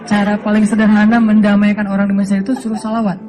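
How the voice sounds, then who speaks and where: A man's voice: sits high, completely flat delivery, fast, loud music behind the voice. Laughing, joking male preacher from Aceh. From Aceh, Indonesia. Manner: joking storytelling, often laughing; acts out quoted voices. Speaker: Islamic preacher. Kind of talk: relaxed humorous sermon.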